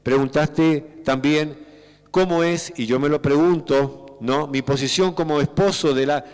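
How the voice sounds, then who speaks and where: Rioplatense guy preaching, kinda high voice, lots of questions, long church echo. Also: clear, resonant tone. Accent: Rioplatense Spanish. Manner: voseo, rhetorical questions, acts out church members. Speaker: pastor. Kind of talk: sermon. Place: church sanctuary.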